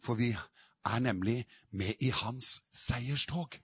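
A man's voice: medium pitch, fairly bright tone. A man preaching a sermon in a fervent, emphatic way.

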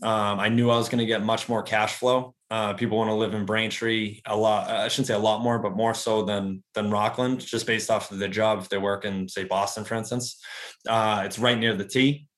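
A man in his early thirties, with a slightly low voice, appears as a guest in a casual interview about real estate. He speaks at a moderate pace, relaxed and rambling, full of fillers and restarts.

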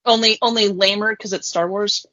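A woman's voice: mid-range voice, fairly even intonation, moderate pace, bright, forceful tone, no echo. A woman co-hosting a podcast, chatting casually and joking about a film. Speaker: podcast co-host. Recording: dry, slightly dull audio.

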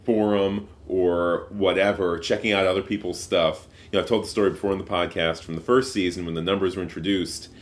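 A man co-hosting a podcast, talking in a thoughtful, halting way with frequent fillers and restarts. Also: sits low, steady tone. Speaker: podcast co-host. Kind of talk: casual podcast discussion.

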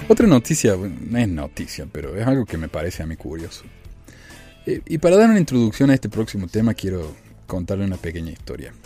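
A man with a low, dark voice comments on the news in a casual, chatty way. His tone rises and falls a lot as he makes wry asides and rhetorical questions. Faint music plays behind him. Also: big pitch swings, fast talker. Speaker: podcast host.

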